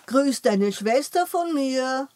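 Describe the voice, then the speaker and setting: A woman's voice: a little high, animated, takes it slowly, a little hiss or hum, pitched above the performer's own voice. Kindly old shopkeeper voiced by a woman. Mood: friendly. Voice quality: warm, kindly.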